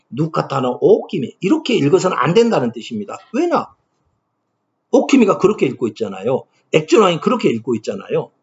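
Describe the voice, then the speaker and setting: This lecturer on ancient Korean poetry, a man with a slightly high and somewhat mellow voice, gives a classroom-style talk. He asks himself questions and answers with emphasis, all captured in dull lo-fi sound.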